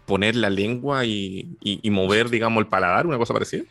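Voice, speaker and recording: Enthusiastic host, dry sound. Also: male voice, fairly low pitch, fast, vocal fry, a bit bright, no echo, faint music behind. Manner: enthusiastic, curious. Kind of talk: casual interview chat.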